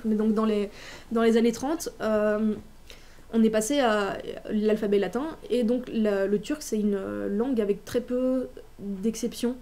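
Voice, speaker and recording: A woman's voice: mid-range voice, dark tone. A woman gives an informal talk as an author presenting a workshop, chatty and hesitant, with frequent restarts and filler sounds. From Belgium.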